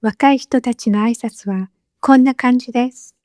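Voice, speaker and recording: A woman teaching as a language teacher, narrating a scripted lesson with clear, patient explanations. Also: fairly high pitch, moderate pace, a little mellow, no room sound, studio quality. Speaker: Japanese teacher.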